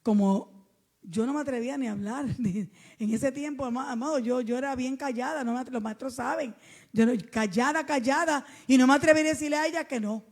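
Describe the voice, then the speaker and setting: A middle-aged woman from Puerto Rico with a Puerto Rican accent, preaching a sermon fervently to her congregation and swinging between loud and soft. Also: high voice, brisk. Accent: Puerto Rican Spanish. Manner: fervent preaching, calls listeners amado and hermano, rises and drops in volume.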